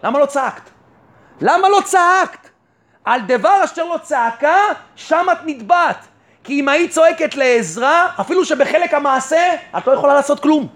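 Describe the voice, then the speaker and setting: Rabbi teaching a lesson, very high male voice, poses his own questions and answers them, pushes his point home. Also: expressive. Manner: rhetorical questions answered by himself; addresses listeners warmly and directly. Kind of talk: Torah lesson.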